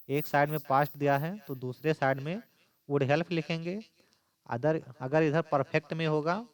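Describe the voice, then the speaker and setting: Man teaching an exam-prep lesson. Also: on the high side. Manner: explains step by step, repeating key points.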